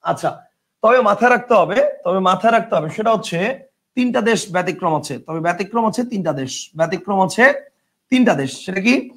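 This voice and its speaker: High, gravelly Bangladeshi teacher. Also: male voice, animated, normal speed, fairly bright tone. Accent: Bangladeshi colloquial Bengali. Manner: chatty, repetitive drilling, checks if students understand; reads out student questions from chat. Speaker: Bengali grammar teacher. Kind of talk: online exam-prep class.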